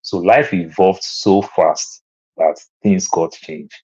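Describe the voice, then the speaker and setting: A man from Lagos with a Nigerian accent, a panelist in an online discussion, tells stories from his childhood in a husky voice with fairly even intonation and a slow pace. When driving a point home, he climbs higher and louder. The online audio is dull and lo-fi.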